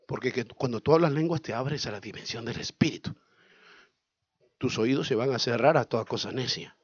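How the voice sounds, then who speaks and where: A male pastor, preaching a sermon in an animated way, asking questions and acting out scenes. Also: mid-range voice, moderate pace, breathy edge, dry recording, lo-fi sound. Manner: animated, asks the congregation questions, acts out scenes.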